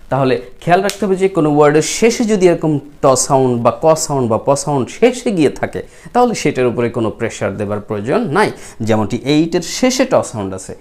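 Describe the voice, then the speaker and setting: This is a man with a Bangladeshi accent giving a classroom-style pronunciation lesson. His pitch rises and falls a great deal as he explains. He repeats each word several times, slowly and deliberately. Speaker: English pronunciation teacher.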